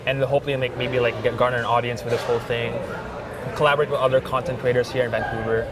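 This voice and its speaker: A man's voice: mid-range voice, little pitch movement, fast, over a noisy crowd. A young man, a filmmaker guest, talking in a casual interview with lots of "like" fillers. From Thailand. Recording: music playing behind.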